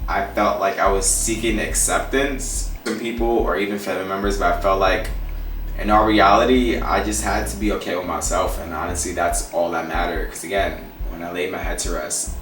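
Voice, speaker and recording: A man in his late twenties answering fan questions in a casual, playful, confident vlog. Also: fairly low pitch. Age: 20s. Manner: chatty, confident, playful, animated. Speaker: vlogger. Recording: echoey room, mic at a distance, faint music.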